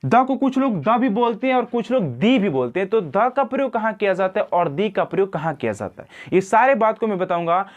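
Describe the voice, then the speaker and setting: Repetitive grammar teacher. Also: male voice, high voice, big pitch swings, dull audio. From India. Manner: repetitive, drills words slowly, addresses viewers as friends. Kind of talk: classroom-style lesson.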